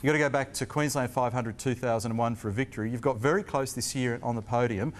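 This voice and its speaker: An Australian TV motorsport host with a fast, mid-range voice presents a televised interview from a racing team's workshop, keeping things upbeat and joking.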